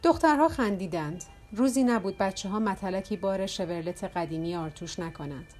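A woman narrating an audiobook in the first person, with calm, even storytelling. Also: mid-range voice, soft background music.

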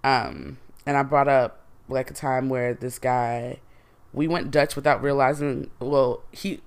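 A woman's voice: a bass voice, animated, unhurried, gravelly, smooth. A woman hosting a solo podcast, talking casually with slang and plenty of fillers. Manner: chatty and slangy, with frequent fillers. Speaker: podcast host.

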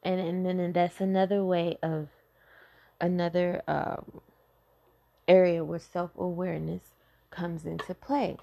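A middle-aged woman opens up about family and parenting in a blunt, profane, conversational way. Her voice sits low, with a gravelly fry and a dark, mellow tone. She sounds candid and unpolished, like she is talking heart to heart. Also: level tone, a little slow, pauses often, muffled recording. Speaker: mother. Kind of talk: candid personal talk on self-healing.

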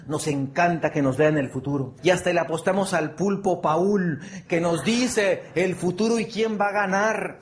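A man giving a motivational speech to an audience, earnest, repeating phrases and asking the audience for agreement. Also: sits high. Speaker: motivational speaker.

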